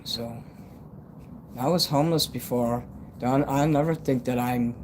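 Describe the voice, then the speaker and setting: This livestream host is a U.S. man in his fifties with a medium-pitched voice and a measured pace, whose dental retainer gives his s sounds a whistle. He chats casually but bluntly, wandering off topic and cursing frequently, against constant background noise.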